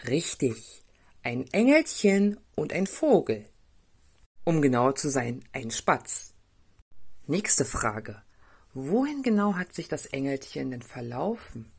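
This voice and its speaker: A woman storyteller reading a children's tale aloud with a low, gentle voice. She stays expressive and warm in tone for young listeners and speaks to them directly with questions. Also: slow, vocal fry, husky.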